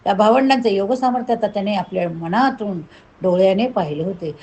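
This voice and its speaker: A woman narrates a devotional saint's tale at an even, mid-height pitch. She reads with feeling and stops to draw lessons for her listeners. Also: brisk, slightly rough. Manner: emotive, moralizing asides to listeners. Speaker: devotional storyteller. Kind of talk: reading a saint's life story aloud.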